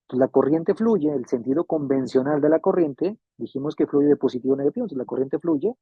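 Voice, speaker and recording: A man's voice: fairly high pitch, fairly quick, slightly rough, no echo. A man teaching a classroom lecture on electronics, patiently repeating points and checking that students follow. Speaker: refrigeration electronics instructor. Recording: tinny phone-like dry sound.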